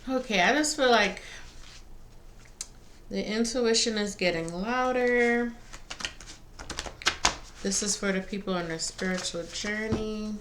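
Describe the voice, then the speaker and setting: A woman giving a casual spiritual card reading to viewers, pausing between phrases. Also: mid-range voice, a bit bright. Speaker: tarot and oracle card reader. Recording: faint background noise.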